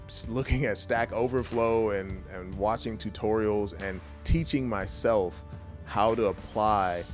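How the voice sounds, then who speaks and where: A man with an American accent and a fairly low voice talks casually, like a vlogger sharing his own story. His delivery is conversational and wry, with rhetorical asides to the viewer. Faint music plays behind him. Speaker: YouTube vlogger and software engineer. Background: background music.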